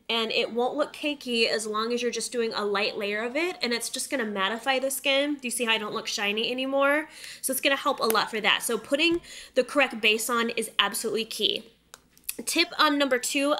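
A woman's voice: on the high side, sharp tone. A woman in her thirties with a nasal, stuffy nose from a cold, chatting directly to viewers through a casual beauty tutorial. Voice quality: nasal, slightly stuffy-nosed. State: getting over a cold. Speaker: makeup tutorial host. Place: indoor room studio set, seated close to camera.

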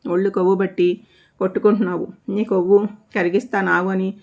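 A woman's voice: medium pitch, level tone, quick pace, vocal fry, darkish tone, dull audio. A woman reading as a furious threatening teacher.

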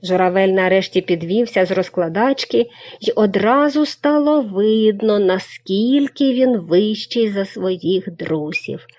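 A woman reading a children's story aloud with expressive storybook narration. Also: mid-range voice, unhurried. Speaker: reader. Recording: dull lo-fi recording.

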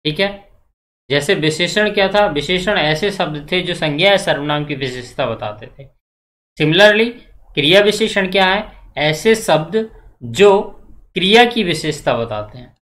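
Here a man leads an exam-focused Hindi grammar lesson in a slightly high, expressive voice that is a bit bright, keeping a measured pace. Repetition runs through his teaching as he quizzes the students, answers for them and keeps checking in.

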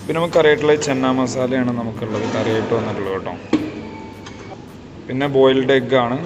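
A man with a Kerala Malayalam accent presenting casually to viewers, mixing English words into his Malayalam. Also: mid-range voice. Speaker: vlog presenter. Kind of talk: casual vlog narration. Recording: loud ambient vehicle-like noise.

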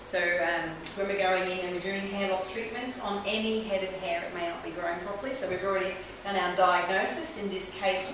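A woman in her forties, a trichologist, explains a technique step by step while working on a client in a small clinic room, recorded by a camera mic across the room. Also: on the low side. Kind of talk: hands-on instructional demonstration. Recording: roomy echo from a distant camera mic, clear background hiss.

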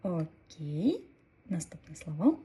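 A woman teaching an online language lesson, calmly explaining and repeating each new word. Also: low voice, takes it slowly, breathy edge.

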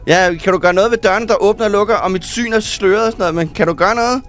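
High-voiced excitable man commenting on a game. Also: faint music behind. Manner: excitable, reads game text aloud, drops in English game words. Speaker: gaming YouTuber.

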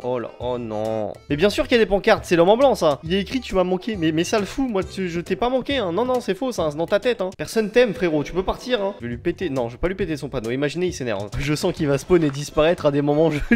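A man hosting a gaming video, chatting in slangy, excited let's-play commentary and yelping at jump scares. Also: fairly high pitch. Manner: jumpy, shouts and laughs at scares; slangy and talks straight to viewers.

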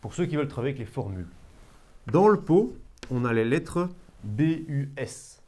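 A man's voice: mid-range voice, expressive, moderate pace, a little mellow. A man teaching a math lesson to a class, coaxing his students and talking to them directly. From Belgium.

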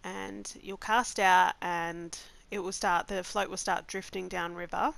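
A woman's voice: lowish voice, fairly even intonation, a little slow, vocal fry, fairly bright tone. A woman from Australia, nasal-sounding because she has the flu, casually talking viewers through a gameplay tutorial step by step. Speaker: gaming channel host.

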